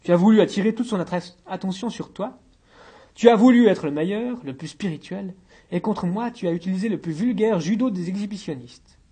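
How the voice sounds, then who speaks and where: A man's voice: high-pitched, brisk, dark tone, husky. A man voicing an earnest, easily hurt young male friend who speaks reproachfully in an audiobook reading.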